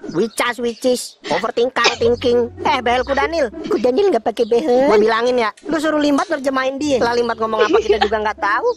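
A woman, streaming and reacting to an animated comedy podcast, talking in lively, slangy, teasing banter with loud outbursts. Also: on the high side, fairly quick, hardly any pauses. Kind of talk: playful comedic voicing of cartoon dialogue.

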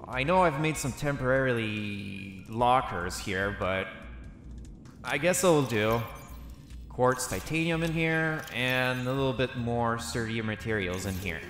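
This gamer roleplays a character during gameplay and muses aloud to himself along the way, speaking unhurriedly in a medium-pitched, slightly bright voice. The room is echoey and reverberant, with faint music behind him.

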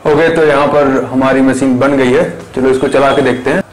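A man's voice: medium pitch, little pitch movement, a little fast, noisy background. A young man casually explaining a homemade machine step by step, with hesitant fillers and restarts, recorded on a camera a few metres away in a small bare room. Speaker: maker showing a build.

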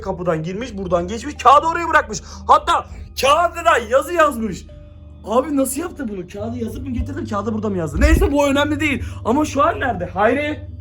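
A man's voice: extremely high pitch, lively intonation, brisk, a bit bright, faint music behind. A young man vlogging at home into a handheld camera, frantic and exclaiming, constantly talking to his viewers. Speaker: YouTuber. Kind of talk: staged excited vlog.

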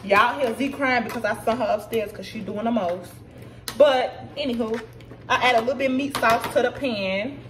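With a slightly high voice at a moderate pace, a woman in her thirties chats away to "y'all" while cooking a home recipe for her vlog, a little tipsy. The recording comes from a camera set back at the counter, its distant mic catching room noise.

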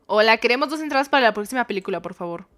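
A woman's voice: a little high, lively intonation, racing, fairly bright tone. A young woman with a Mexican accent, reading a dating game aloud and reacting with playful squeals and joking swears. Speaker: gamer.

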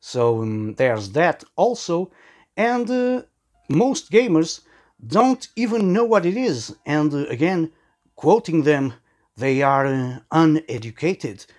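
A man giving casual sarcastic commentary as a tech YouTuber, halting often with fillers. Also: a little high, big pitch swings, darkish tone.

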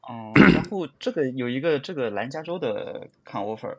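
A man's voice: mid-range voice, lively intonation, moderate pace, creaky, a crowd in the background. A young man calling in for advice, hesitant and stammering, often repeating words. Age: young adult. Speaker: caller. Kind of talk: call-in chat.

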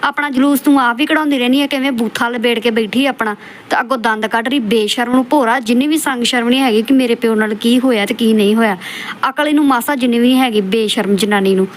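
A woman roast channel host speaks quickly in a fairly high voice with fairly even intonation. Over clips, she scolds and insults the subject, her tone lecturing and full of scorn.

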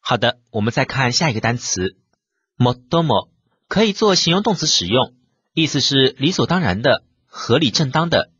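Husky male teacher with a lively voice. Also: mid-range voice, moderate pace, no room sound, lo-fi sound. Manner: methodical, reads example sentences then translates them. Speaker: language teacher. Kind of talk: vocabulary lesson explaining Japanese words.

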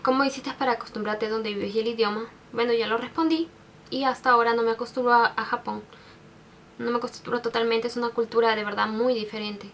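At a quick pace and with fairly even intonation, a young Peruvian woman in her 20s softly reads out viewer questions, her voice a little high. She's a beauty vlogger making a casual Q&A tag video at her desk webcam in a bedroom with makeup shelves, sentimental and full of restarts and fillers, with a little hiss or hum.

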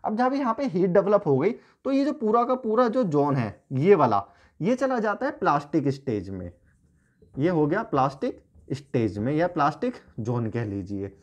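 A man in his thirties gives a whiteboard lecture on an engineering topic, explaining each step while pointing and drawing. His pitch swings widely up and down at a moderate pace, and a camera a few feet away in a small room captures him.

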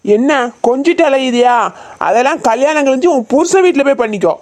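A woman's voice: sits high, animated, brisk, darkish tone. A woman voicing a stern tuition teacher in a cartoon, scolding and bossy.

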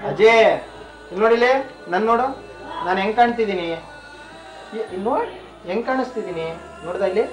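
A man's voice: sits high, brisk, long pauses. A man at a shelter who speaks, coaxing and teasing a resident in casual chat. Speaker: shelter worker comforting a resident. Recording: roomy and distant, with music over it.

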